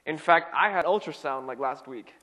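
A young man gives a relaxed, talky sermon, peppered with fillers like "you know" and "like." His voice sits a little high for a man. It rings out with the long reverb of a church hall. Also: normal speed. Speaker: pastor. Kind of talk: casual conversational sermon.

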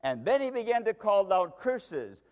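A pastor's high, very animated and slightly mellow voice unfolds unhurriedly as he preaches to a congregation. He tells the story dramatically with strong emphasis, and the hall reverb is long.

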